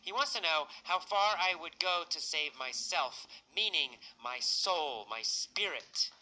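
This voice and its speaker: A man's voice: fairly high pitch, lively intonation, a little slow, sharp tone, rough recording. A man teaching English through a simple story, speaking patiently and repeating with easy questions. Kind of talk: story-based language lesson.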